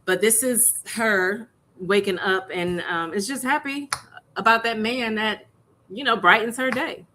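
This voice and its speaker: A woman's voice: fairly high pitch, unhurried, noisy background. A woman guest in a casual chat, explaining her greeting cards with frequent laughs. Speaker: guest, card maker.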